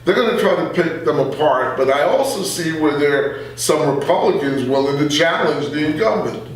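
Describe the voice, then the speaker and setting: An opinionated older man, 60s or above, chats casually about politics and his views, leaning on anecdotes. His slightly high voice is expressive at a normal speed, recorded in an echoey room from a distance.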